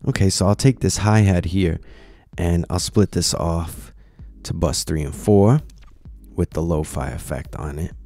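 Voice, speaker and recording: A man casually explaining software steps one at a time in a screen-recorded tutorial, with lots of "you know"s. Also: low-pitched, unhurried, faint music behind. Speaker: tutorial presenter.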